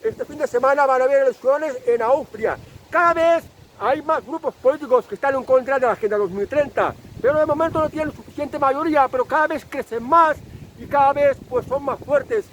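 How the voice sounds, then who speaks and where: A man from delivers a long political opinion monologue as a channel host. His voice sits very high for a man. He hammers his points through repetition and fills his pauses with small hesitations. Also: a bit bright, slight background noise, rough recording. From Spain. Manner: insistent, repetitive, pauses with fillers.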